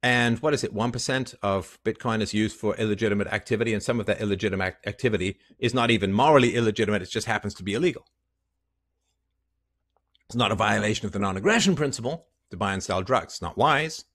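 A fiftysomething podcast host rants quickly and passionately to camera on a headset mic. Alone in a small room with a plain wall, he sounds angry, sarcastic and profane, veering between low mutters and loud outbursts.

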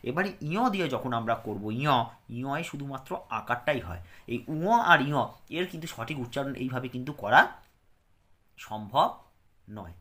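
A man with a bright, forceful voice runs a patient pronunciation lesson. He drills syllable after syllable and keeps asking whether his students are following. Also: mid-range voice, lively intonation, moderate pace. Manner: patient, drilling syllables with frequent check-ins. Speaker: teacher.

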